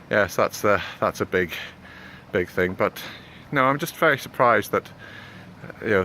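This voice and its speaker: A man in his 40s with a deep, fairly bright voice gives a health update in a rambling, casual vlog. He talks hesitantly and haltingly, often repeating words and saying "you know" a lot. He's outdoors near a road, with passing traffic clearly audible behind him.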